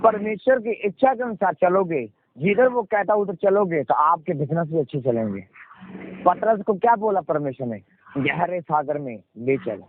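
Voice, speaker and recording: Heard through muffled, noisy conference call audio, this pastor preaches with an animated, high voice at a normal speed. He has a Punjabi accent and exhorts his listeners, repeating lines and answering his own rhetorical questions call-and-response style.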